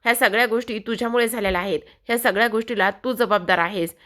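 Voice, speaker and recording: A woman voicing a young woman who loudly blames a man for the family's troubles. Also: mid-range voice, quick pace, natural voice. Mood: accusing.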